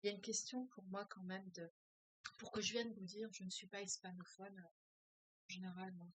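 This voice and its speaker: In a dry, low-quality recording, a French-as-a-foreign-language teacher reads from a novel and stops now and then to comment. Her medium-pitched voice is flat and moderately paced, and her speech wavers with fillers as she thinks aloud.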